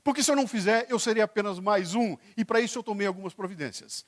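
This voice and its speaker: A man's voice: high-pitched, fast. A man with a Brazilian Portuguese accent giving a motivational lecture on stage, joking with and quizzing his audience. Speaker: keynote speaker. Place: stage before a live audience.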